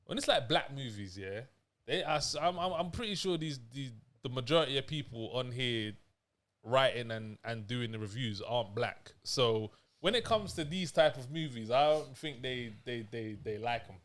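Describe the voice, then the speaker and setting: Animated laughing man, lively pitch. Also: normal speed. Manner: animated, laughing, stumbling restarts. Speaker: podcast co-host. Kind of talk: casual chat.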